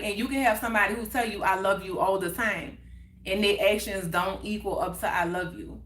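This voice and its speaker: A woman hosting a casual chat, telling a personal story in an animated way, repeating phrases for emphasis and acting out what others said. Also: mid-range voice, reverberant. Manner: animated, acts out others' words in quotes. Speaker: livestream host.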